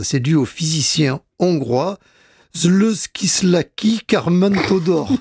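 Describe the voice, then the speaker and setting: A man talks slowly about jazz records on a radio show, often pausing and restarting his sentences. His voice sits a little high for a man. The studio sound is dry and close. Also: darkish tone, no echo. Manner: hesitant, many fillers and restarts. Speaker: radio music columnist. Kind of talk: casual radio music chat.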